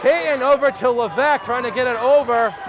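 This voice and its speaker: A man in his thirties doing play-by-play for a high school basketball game, excited and short of breath, shouting at the big plays. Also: brisk. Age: 30s. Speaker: play-by-play announcer. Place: school gymnasium. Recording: crowd noise in a gym. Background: loud cheering crowd.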